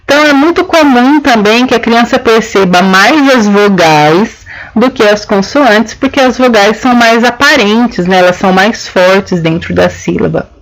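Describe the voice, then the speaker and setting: A woman's voice: on the high side, lively intonation, moderate pace, hardly any pauses, poor audio. A woman teaching a lesson, explaining each step patiently and checking in with her listeners. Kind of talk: explanatory lesson on children's writing.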